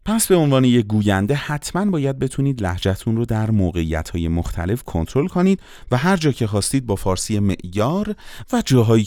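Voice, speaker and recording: A man with a fairly low voice gives an explanatory lesson and rises and falls through a wide range. He teaches like a voice-acting coach and often stops to ask rhetorical questions. The recording is dry and close. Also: mellow, no echo. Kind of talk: explanatory lesson on dialects and accents.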